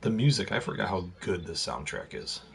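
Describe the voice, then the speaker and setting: A male game streamer with a very low, gravelly voice gone hoarse. He chats casually and keeps clearing his throat, relaxed and unhurried. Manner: throat-clearing, laid-back. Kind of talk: casual live-stream chat.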